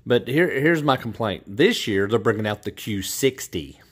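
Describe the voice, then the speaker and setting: A man's voice: lowish voice, expressive, normal speed, breathy edge. A man in a casual tech vlog, rambling with frustration, full of fillers and restarts, recorded indoors at home. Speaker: TV tech YouTuber.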